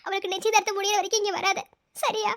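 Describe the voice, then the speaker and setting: A woman's voice: very high voice, fast, sharp tone, pitched above the performer's own voice. A woman voicing a protective older sister in a cartoon, earnest and pleading. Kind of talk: cartoon voice acting.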